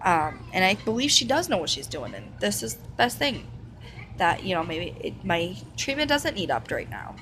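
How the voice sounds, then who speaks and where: A woman's voice: on the low side, huge pitch swings, moderate pace, fairly bright tone, slight background noise, poor audio. A young woman in her twenties talking candidly and casually about her life, rambling with fillers and restarts. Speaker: vlogger sharing her illness. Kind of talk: casual personal talk to camera.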